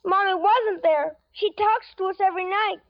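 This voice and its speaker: A haunted, sullen little boy with a very high, childlike voice. It is an old radio drama with a dull, muffled sound and a dry, close feel. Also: moderate pace, no echo. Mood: eerie. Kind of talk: 1940s radio acting.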